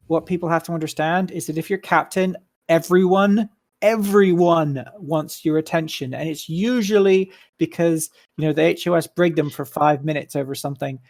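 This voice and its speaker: A man talking in a slightly high voice over a computer mic, unhurried and explanatory, pausing on ums as he lays out his views in a casual voice chat. The sound is dry and close. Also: darkish tone, dry recording. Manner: measured, explanatory, frequent ums. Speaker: staff member at a community meeting.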